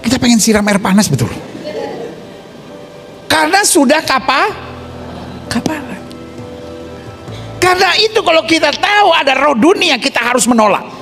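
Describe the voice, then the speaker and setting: Pendeta pria, khotbah penuh gaya, suara tinggi dan naik-turun, musik samar di latar. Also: male voice, extremely high pitch, moderate pace, long pauses, faint music behind. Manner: animated, acts out scenes with put-on voices, asks the congregation questions. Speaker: pastor. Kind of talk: lively sermon.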